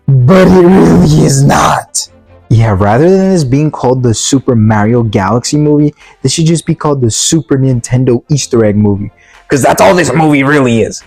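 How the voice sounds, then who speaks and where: A movie reviewer delivers a casual, opinionated rant, sounding exasperated and emphatic and repeatedly asking rhetorical questions. His voice is mid-range with a dark tone, and the recording is dry.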